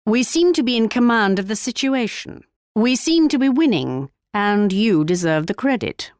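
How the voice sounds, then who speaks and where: A woman's voice: a little high, lively intonation, normal speed, darkish tone, no echo, close to an everyday voice. An actress playing a regal, wry English queen in a video game, with a British accent and a pompous, formal, archly polite delivery. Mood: confident, composed. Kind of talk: theatrical video game character voice lines.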